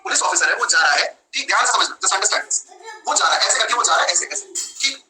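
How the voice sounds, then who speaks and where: A young man teaching law in a live online class, lively, switching between Hindi and English and acting out his examples. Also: sits high, fast talker, music in the background, poor audio.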